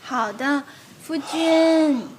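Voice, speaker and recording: A coy, clingy concubine. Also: female voice, high-pitched, extremely slow, a little hiss or hum. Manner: sweet wheedling, calls herself "this concubine". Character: coy clingy teenage concubine in ancient times. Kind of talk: comedic period TV drama. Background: background music.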